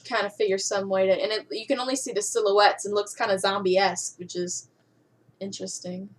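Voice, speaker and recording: A young adult woman in a casual fan discussion, commenting on a music video in a halting, jokey way. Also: mid-range voice, fairly even intonation.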